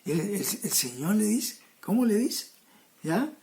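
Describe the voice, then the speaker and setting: A woman's voice: mid-range voice, big pitch swings, a little mellow. A woman preaching a sermon to a congregation, checking in with them often and restarting her phrases. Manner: slow, repeats "¿ya?" and "hermano" to the congregation; restarts and repeated words.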